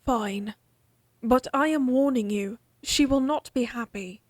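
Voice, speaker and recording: In a fantasy audio drama, a woman plays a defiant young noblewoman with a high, bright voice, sharply pushing back against a prince. She sounds quick-witted, challenging and reluctant, and gets flustered when caught out.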